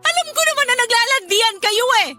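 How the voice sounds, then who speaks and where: An actress playing a jealous pregnant wife in a radio drama, confronting and accusing, then shouting hysterically. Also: female voice, very high-pitched, lively intonation, brisk, over music.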